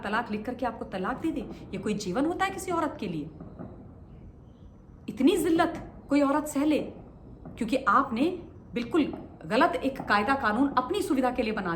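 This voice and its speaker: A woman delivers fervent political commentary in a somewhat high voice, hammering her points with repeated phrases and rhetorical questions. She sounds like she's in an echoey room with a faint hum of ambience behind her.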